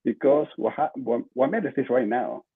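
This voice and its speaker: This podcast guest, an older marketing entrepreneur from Lima, Peru, has a Peruvian Spanish accent and a slightly rough, mid-range voice at a moderate pace. He chats conversationally as an interviewee with emphatic repetition. The video call comes from a small indoor room at home via a desk-distance computer mic, so the sound is muffled and lo-fi.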